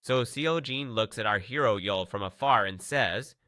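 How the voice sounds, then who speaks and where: A man narrating a scripted story recap in a lively way, reading out every character's lines himself. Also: fairly low pitch, moderate pace, no room sound, studio quality.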